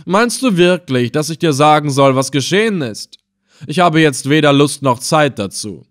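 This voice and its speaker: A man voicing a cruel, scornful male slave trader in an audiobook, threatening and loud. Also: medium pitch, lively intonation, a little slow, close to an everyday voice. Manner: sneering, threatening. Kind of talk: audiobook character voice.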